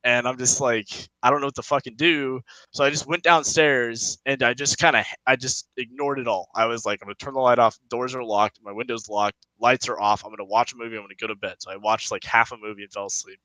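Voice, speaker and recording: A young man in his twenties, a podcast co-host, telling a story in casual chat, animated and swearing as he acts out quotes. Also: mid-range voice, fast, no echo, poor audio.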